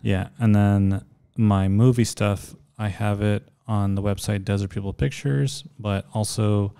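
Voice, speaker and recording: Male guest from El Paso, Texas, low-ish and gravelly, relaxed storyteller who rambles. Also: unhurried. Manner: relaxed, rambling with many likes. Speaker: guest, skateboarder and filmmaker. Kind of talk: casual interview chat.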